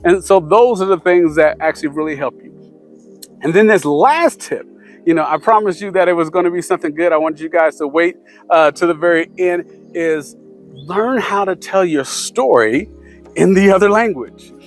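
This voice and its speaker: A vlogger with a high-pitched voice shares language-learning tips to camera at a moderate pace, rambling casually with lots of fillers and restarts while faint music plays behind him.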